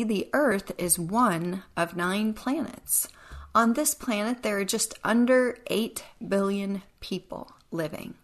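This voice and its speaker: A woman hosting a devotional podcast, teaching in an earnest, reflective way with a touch of dry sarcasm. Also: fairly low pitch. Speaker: podcast host.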